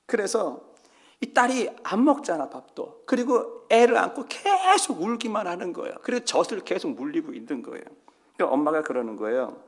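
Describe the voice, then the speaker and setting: A man's voice: high-pitched, very animated, a little fast. A man preaching a sermon as pastor in a church, telling a story with quoted voices and putting questions to the congregation. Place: church sanctuary.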